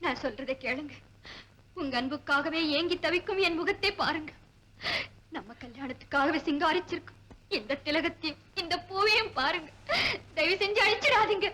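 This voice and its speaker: Tearful young bride-to-be pleading, high voice, old film. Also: female voice, normal speed, pushed and bright, poor audio. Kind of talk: 1960s Tamil film acting.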